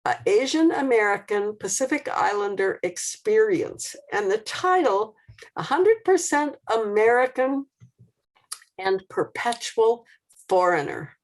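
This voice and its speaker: A woman with a rather high voice talks slowly, and her pitch rises and falls a lot as she introduces a guest. She is the host and interviewer on a video call, heard through a computer mic. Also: very animated.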